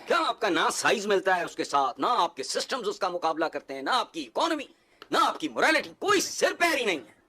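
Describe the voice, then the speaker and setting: A man's voice: a little high, pushed and bright. A man, a TV cricket analyst ranting scornfully in a heated studio discussion. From Pakistan.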